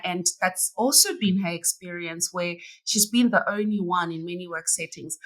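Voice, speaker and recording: A woman's voice: on the low side, sharp tone. A woman co-hosting an interview, asking the guest carefully phrased questions. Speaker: co-host.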